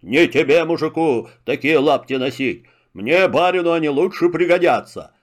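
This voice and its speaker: A man's voice: on the high side, moderate pace, close to an everyday voice. A man voicing an arrogant, greedy landowner who talks down to a peasant. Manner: haughty, condescending.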